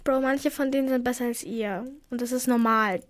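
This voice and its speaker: A teenage girl from Afghanistan chatting casually, telling stories about school in an animated, indignant way. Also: fairly high pitch, normal speed. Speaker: student talking about school. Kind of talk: casual chat.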